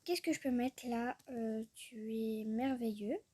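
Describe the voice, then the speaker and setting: A young woman chatting casually as a vlogger, trailing off often, giggling, and sounding out foreign words haltingly. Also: a little high, warm tone, breathy edge. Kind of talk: casual screen-recorded chat.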